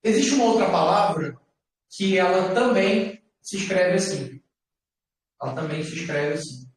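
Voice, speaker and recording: A man's voice: high-pitched, animated, far from the mic, slight background noise. Echoey man teaching a class. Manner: patient, repeats words slowly for students. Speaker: Hebrew teacher. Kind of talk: classroom lesson.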